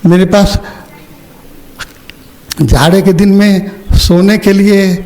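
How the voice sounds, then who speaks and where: A man's voice: high voice, fairly even intonation, slow, warm tone. An older man giving a religious discourse, telling a story and asking his listeners questions. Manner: storytelling, asks the audience questions. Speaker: spiritual teacher. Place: ashram opening ceremony hall.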